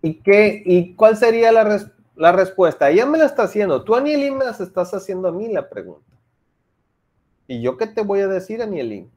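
A woman's voice: medium pitch, sing-song, moderate pace, darkish tone. A woman teaching an English class online, explaining patiently step by step and mixing English example sentences into her talk.

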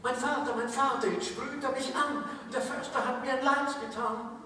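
A man's voice: very high-pitched, fairly even intonation, normal speed, bright, forceful tone, slight background noise, voice pushed up. A man voicing a frightened young fir tree in a plaintive, pleading voice, from a live stage reading. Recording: echoey hall from far off.

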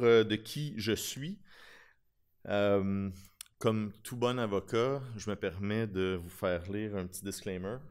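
A digital-forensics lawyer in his thirties gives a relaxed, talkative conference presentation, poking fun at himself along the way. His Québécois-accented voice sits fairly low and sounds a little mellow and clean, captured by a podium gooseneck microphone at a lectern in a conference room.

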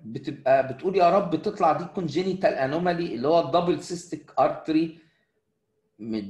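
Middle-aged Egyptian lecturer, casual and chatty, animated delivery. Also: male voice, on the high side, roomy sound. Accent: Egyptian Arabic. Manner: chatty, addresses students as kids, answers questions. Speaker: surgery lecturer.

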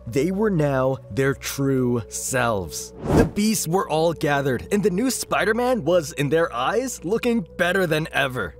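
A man reading a scripted comic book recap with dramatic storytelling over faint background music. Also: on the high side. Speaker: narrator.

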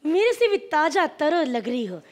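A brash, cheeky princess. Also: female voice, sits high, sing-song, unhurried, some chatter behind. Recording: noisy live stage with audience.

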